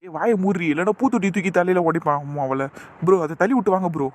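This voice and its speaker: A man's voice: high voice, animated, racing. A man voicing a cheeky young man who mocks and snaps at his sister, in an amateur audio drama. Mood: mocking. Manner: mocking, impatient, blunt.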